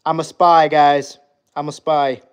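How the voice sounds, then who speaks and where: A young Hungarian man hosts a casual livestream from a house under renovation, filming on a phone held at arm's length. His voice is fairly high with little pitch movement, and his pace is unhurried. He's chatty, reads viewers' comments aloud, and says "guys" often.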